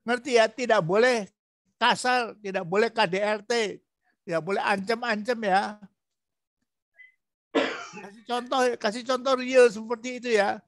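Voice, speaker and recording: A man training a student in preaching, asking patient prodding questions and acting out gentle examples. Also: high-pitched, moderate pace, pauses often, dry recording. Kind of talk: coaching a student in preaching practice.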